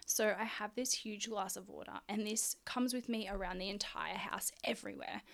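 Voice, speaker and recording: A woman's voice: mid-range voice, fairly even intonation, normal speed, creaky, fairly bright tone. Chatty woman podcaster. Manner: chatty, rambling with many "like"s and casual swearing. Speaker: podcast host. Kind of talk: casual solo podcast monologue.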